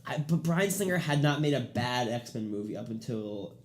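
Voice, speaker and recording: A man's voice: mid-range voice, expressive, moderate pace, roomy sound. A man co-hosting a podcast, chatting casually about movies with lots of restarts and fillers. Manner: rambling, many restarts and fillers. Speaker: podcast co-host.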